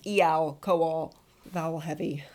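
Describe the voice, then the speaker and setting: A woman's voice: low voice, fairly even intonation, slow, darkish tone. A woman author in a casual podcast chat, teasing her guest and laughing often.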